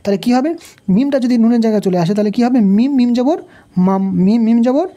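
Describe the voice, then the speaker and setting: A woman's voice: a little high, fast, dark tone. A woman teaching Quran recitation rules step by step, patiently repeating syllables and asking questions as she explains. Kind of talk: step-by-step tajweed lesson.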